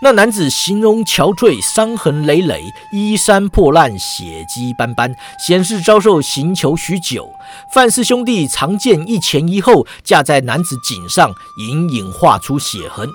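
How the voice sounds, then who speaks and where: A man's voice: fairly high pitch, very animated, a little slow, soft background music. A man narrating a serialized martial-arts story with a dramatic telling.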